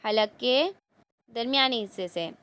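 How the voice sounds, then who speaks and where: A woman teaching an online Quran lesson to children, spelling out letters and vowel marks before reciting each word slowly, then explaining the rules quickly. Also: fairly high pitch, a bit bright, smooth.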